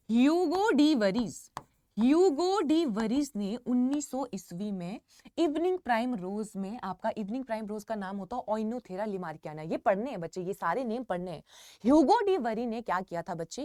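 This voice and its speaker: A young woman with an Indian accent teaches students in an online lecture, stressing and repeating key points and calling them kids. Her medium-pitched voice is a little mellow, and the recording is dry and studio quality.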